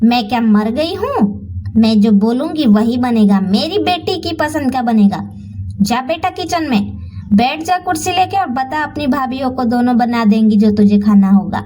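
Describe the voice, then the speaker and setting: A woman voicing a nagging, scolding older mother-in-law who shouts at her daughters-in-law, heard from a distant mic. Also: a little high, animated, normal speed, faint music behind, close to an everyday voice.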